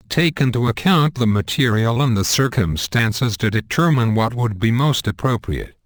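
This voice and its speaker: Guy reading a lesson script, kinda low voice, slow and earnest, super dry sound. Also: no echo. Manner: measured, deliberate, earnest reading. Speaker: narrator. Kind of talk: scripted instructional narration.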